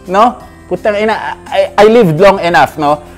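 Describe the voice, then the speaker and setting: A middle-aged man with a rather high voice rants about perfume reviewers, blunt and swearing freely. He switches between Tagalog and English and keeps asking "no?". Faint music plays behind him. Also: unhurried. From Philippines. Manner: tags lines with "no?". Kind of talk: casual ranting review.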